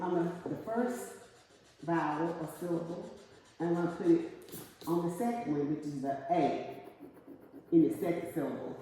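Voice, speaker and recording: A woman's voice: lowish voice, dark tone, a little hiss or hum. Patient woman teaching in an echoey room. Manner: patient, asks questions and repeats the student's answers. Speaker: reading teacher. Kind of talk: one-on-one phonics lesson. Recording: echoey room, long reverb.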